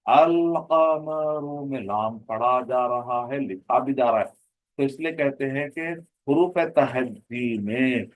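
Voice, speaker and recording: A man's voice: mid-range voice, slow, dry recording, poor audio. Man teaching a grammar class. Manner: explanatory, repeats and asks rhetorical questions. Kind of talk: online class lecture.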